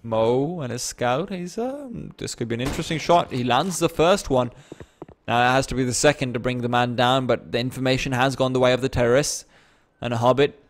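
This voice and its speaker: A man doing fast play-by-play commentary on an esports match, getting excited on big plays and throwing in self-deprecating asides. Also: mid-range voice.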